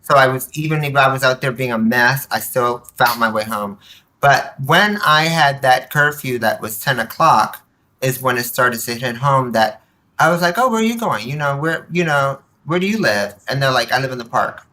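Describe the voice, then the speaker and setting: This podcast guest, a community activist, animatedly recounts personal experiences, performing snippets of dialogue and posing rhetorical questions along the way. He talks at a moderate pace with a medium-pitched voice.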